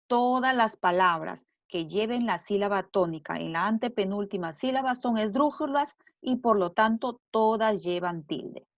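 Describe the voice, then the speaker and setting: A woman teacher giving a recorded grammar lesson, explaining slowly and deliberately and repeating her examples. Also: medium pitch, no room sound. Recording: dull lo-fi dry recording.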